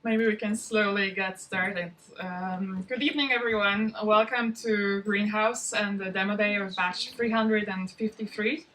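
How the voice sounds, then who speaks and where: A woman who founded the bootcamp, welcoming an audience and introducing its students in a relaxed way, with frequent ums. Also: medium pitch, unhurried, few pauses, far from the mic, low-quality recording. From from outside Norway. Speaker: bootcamp founder hosting a demo day. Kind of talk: event welcome speech. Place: event venue, spoken to a live audience.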